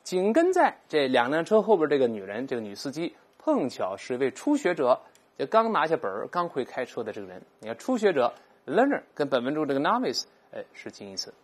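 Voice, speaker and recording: A teacher explains vocabulary patiently, with a slightly husky voice. The pitch moves a lot. Each English word is repeated slowly and clearly for the learners. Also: huge pitch swings. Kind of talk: recorded vocabulary lesson.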